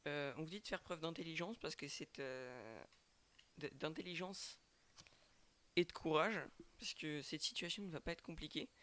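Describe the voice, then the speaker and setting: A man's voice: fairly high pitch, normal speed, pushed and bright. A man doing a casual tarot reading to a webcam with a microphone, stumbling and repeating words often. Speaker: tarot reader and channel host.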